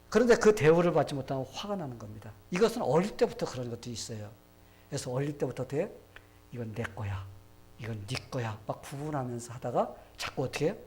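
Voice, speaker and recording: A man from Korea preaching a sermon as pastor, asking rhetorical questions and acting out quoted people. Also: fairly high pitch. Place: church sanctuary.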